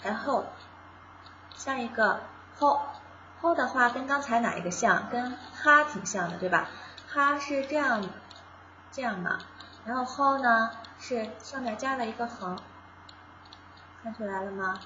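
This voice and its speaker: A woman teaches beginners in a casual, patient way, taking each step slowly and repeating sounds aloud. Her voice is bright and forward. The recording sounds roomy and a little dull. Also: on the high side, slight background noise. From China. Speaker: Japanese language teacher.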